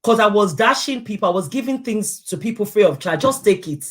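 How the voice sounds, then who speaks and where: A woman's voice: mid-range voice, lively intonation, a little fast. A woman guest in a casual interview, telling her story and acting out the people she quotes.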